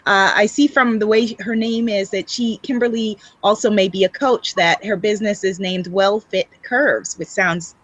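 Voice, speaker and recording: A woman's voice: mid-range voice, steady tone, moderate pace, hardly any pauses, fairly bright tone, no room sound, highs cut off. Woman host, upbeat and affirming, dry close sound. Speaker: interview host. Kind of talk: online interview hosting.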